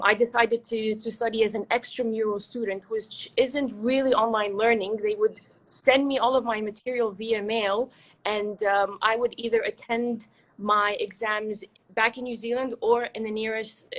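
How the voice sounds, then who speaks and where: A woman's voice: a little high, fairly even intonation, normal speed, low-quality recording. A young woman from Egypt, a guest in an interview, talking in a reflective, chatty way. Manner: chatty, restarts and fillers, reflective. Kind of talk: casual interview.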